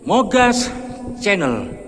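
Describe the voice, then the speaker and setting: A man's voice: high-pitched, wildly swooping pitch, extremely slow, soft background music. A male travel vlogger talking and calling out inside a long tunnel, his voice echoing off the walls. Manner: calls out loudly to hear the echo. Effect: voice echoing inside a long stone tunnel. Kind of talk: casual travel vlog narration.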